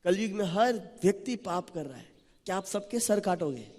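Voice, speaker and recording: A man taking on the part of a gentle, saintly man who begs softly and slowly for mercy, his voice lifting high. It rings out with a long echo through a wide hall. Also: lively intonation. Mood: pleading. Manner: slow, earnest pleading. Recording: long reverb of a large hall.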